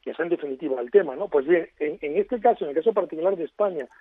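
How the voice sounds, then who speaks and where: A man's voice: on the high side, quick pace, no echo. A man as a radio guest, explaining at length in an expansive, lecturing way over a phone line.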